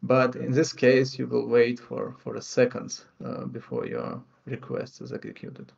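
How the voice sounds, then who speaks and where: A man on a video-call panel, talking hesitantly about databases with many "uh" pauses. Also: medium pitch, big pitch swings, vocal fry, a little mellow. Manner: hesitant, many "uh" fillers and restarts. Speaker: panelist, vector database engineer. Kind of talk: technical panel discussion over video call. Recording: dull video-call audio.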